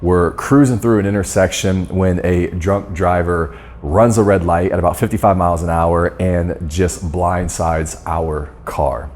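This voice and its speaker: A guest speaker on dental marketing tells stories to course members in an earnest talk, frequently restarting his sentences. He has a deep, steady, slightly mellow voice and keeps a measured pace.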